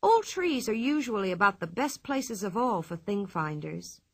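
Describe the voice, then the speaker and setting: A woman voicing a bold, cheerful young girl in a storybook reading, with a lively, playful lilt. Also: medium pitch, moderate pace, no room sound, studio quality. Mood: kindly.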